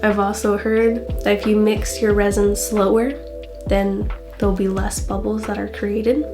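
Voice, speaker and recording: A woman's voice: medium pitch, flat delivery, unhurried. A woman hosting a casual hobby tutorial in a playful, rambling way. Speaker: hobby craft host. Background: music.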